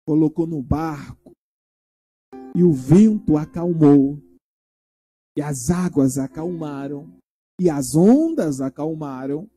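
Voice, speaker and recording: A man's voice: a little high, takes it slowly, long pauses, slightly rough, faint music behind. A male pastor giving a children's sermon in a church, retelling a story and asking the children questions as he goes. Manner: animated, asks the children questions.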